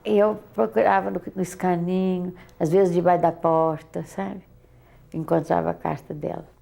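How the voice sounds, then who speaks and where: An older woman with a Brazilian accent gives oral history testimony. Her voice is heavily gravelly and dark, a little low for a woman. She talks haltingly and often repeats and restarts her words. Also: little pitch movement. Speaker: interviewee, mother recalling her daughter.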